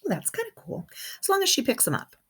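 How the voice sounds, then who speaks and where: This kindergarten teacher reads a picture book to small children quickly, her voice sitting high. She's expressive and keeps chatting, drawing the kids in with questions and remarks.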